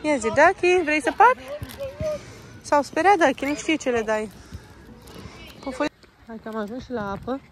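A woman's voice: sits high, lively intonation, pauses often. A woman from Romania, vlogging with a handheld phone in a town park, talking to her toddler in a coaxing sing-song way and slipping into English words. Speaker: vlogger and mother. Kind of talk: casual vlog chat with her toddler.

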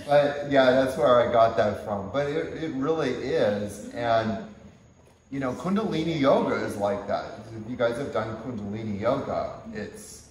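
A man giving a workshop-style yoga lecture in a gentle, unhurried way, with frequent chuckles. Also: medium pitch, far from the mic, slight background noise. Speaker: yoga teacher. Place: teaching hall at a yoga retreat center. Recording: echoey room.

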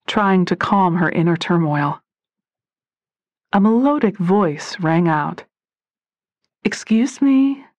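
Casting: female story narrator, low register, even and measured, dead-dry booth. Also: dry recording. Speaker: audiobook narrator.

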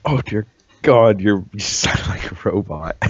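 A man's voice: fairly low pitch, expressive, takes it slowly, breathy edge. A man playing along in voice chat, casual and easily panicked, repeating "no" when things go wrong. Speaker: co-player. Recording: dull voice chat with faint hiss.

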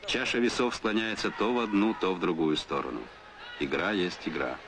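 A man narrating an old documentary newsreel in a measured, announcing manner, heard from a noisy old film soundtrack. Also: sits low, animated.

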